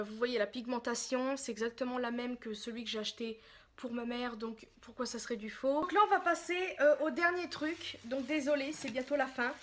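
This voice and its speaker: High-pitched woman, gushing makeup haul vlogger, chatty, apologetic, excitable. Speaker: beauty vlogger. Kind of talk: casual makeup haul chat.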